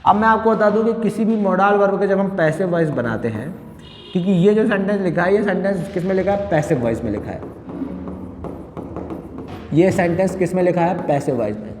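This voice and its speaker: High-voiced male teacher in an echoey room. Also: expressive, a little mellow, faint music behind. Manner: asks the class questions and answers them himself, checks with "clear?"; reads example sentences slowly and deliberately. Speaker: English grammar teacher. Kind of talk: exam-prep grammar lesson. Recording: echoey room with long reverb.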